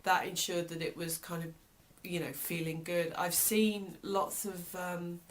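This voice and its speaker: A woman's voice: on the low side, flat delivery, a little slow, slight background noise. A British woman talking casually in a personal video diary, reflective and hesitant, often trailing off mid-thought. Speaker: vlogger.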